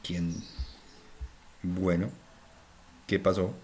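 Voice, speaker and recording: A man's voice: low voice, flat delivery, drawn-out words, darkish tone. A man giving a screen-recorded coding lesson, thinking aloud as he types and often checking in with his viewers. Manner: thinks aloud while typing, frequent "¿cierto?" check-ins. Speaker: programming instructor. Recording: home recording with audible noise. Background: keyboard typing and clicks.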